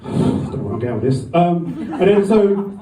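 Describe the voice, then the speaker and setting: A man's voice: sits high, big pitch swings, measured pace, background noise. A man, doing a rambling, self-deprecating stand-up set in a comedy club. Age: 40s. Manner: rambling, self-deprecating, acts out voices with swearing. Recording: echoey room, mic from far off.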